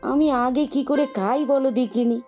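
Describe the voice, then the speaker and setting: Woman voicing a caring village mother, slightly high. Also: normal speed, dull audio, faint music behind, close to an everyday voice. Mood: tender. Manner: soft, fussing tenderness that flares into scolding. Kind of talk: cartoon voice acting.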